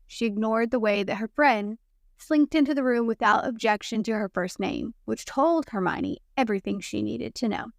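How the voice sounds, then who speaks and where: A woman narrating a fanfiction audiobook with an even, measured delivery. Her voice is a touch high. The sound is close and dry, with no echo.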